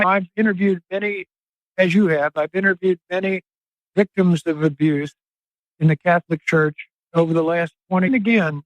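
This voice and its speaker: An older man speaking as an investigative reporter and guest, in an earnest, emphatic interview monologue with drawn-out phrasing. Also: high-pitched, dry recording. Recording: dry, slightly dull podcast audio.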